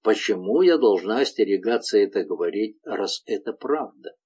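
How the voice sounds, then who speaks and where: A man reading aloud voices a frightened, gentle young village woman in a tender, pleading manner. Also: on the low side, lively intonation, normal speed, slightly rough.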